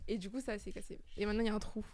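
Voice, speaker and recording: A woman's voice: medium pitch, little pitch movement, very fast, a crowd in the background. A young woman telling a personal story to friends, hesitant and full of fillers. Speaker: player telling her anecdote. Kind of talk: casual storytelling.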